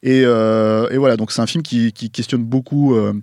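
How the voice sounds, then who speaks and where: A man on a panel talking casually about a film he loves, rambling and halting, often correcting himself. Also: medium pitch, steady tone, a little mellow, dry recording, studio quality. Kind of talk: casual film recommendation chat.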